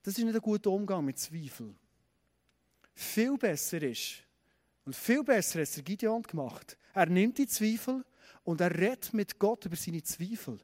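A man's voice: high voice, expressive, normal speed, darkish tone. A man preaching a sermon, retelling a story and asking the congregation direct questions. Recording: long hall reverb.

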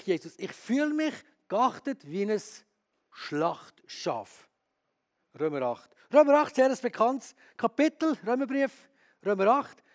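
High-voiced preacher. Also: male voice. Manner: lively, candid, asks the audience questions. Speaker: pastor. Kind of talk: sermon.

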